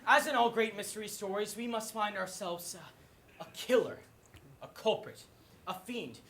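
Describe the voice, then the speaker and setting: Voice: mid-range voice, normal speed, fairly bright tone, a little hiss or hum, close to an everyday voice. A performer playing a brash, wry music hall chairman, declaiming grandly and teasing the audience in theatrical patter, on a live stage recording. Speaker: master of ceremonies in a stage musical.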